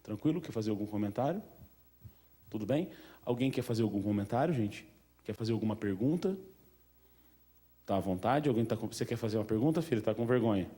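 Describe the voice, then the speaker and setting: This Brazilian-accented man speaks fairly low and dark, with an animated, brisk delivery broken by frequent pauses. At a museum event he chats informally with the crowd, often questioning the room and leaning on many fillers.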